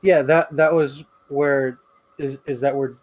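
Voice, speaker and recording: A man's voice: mid-range voice, fairly even intonation, unhurried. A man chatting casually as a player in a tabletop game, tentative and repeating words as he thinks. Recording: music behind the voice.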